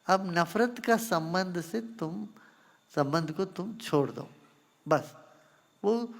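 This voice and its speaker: Slow, high-toned man giving spiritual counsel. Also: vocal fry, long reverb tail. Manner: unhurried, gently teasing, addresses listeners informally. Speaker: spiritual teacher. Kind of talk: question-and-answer spiritual discourse. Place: ashram gathering.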